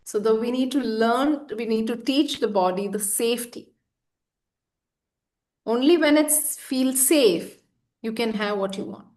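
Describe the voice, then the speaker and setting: Woman, high voice, earnest practitioner who leans on repetition. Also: a little slow, a little mellow. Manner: earnest, repeats words for emphasis. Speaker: EFT practitioner guest. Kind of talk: conversational explanation.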